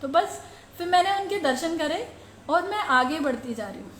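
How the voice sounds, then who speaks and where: A middle-aged woman telling the congregation about a devotional dream, slow and halting as she searches for words. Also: high-pitched, animated, fairly bright tone. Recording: roomy echo.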